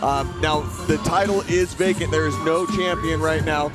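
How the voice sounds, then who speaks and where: A man's voice: on the high side, steady tone, normal speed. Male fight commentator over blaring music. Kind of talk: loose live sports commentary. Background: loud walkout music.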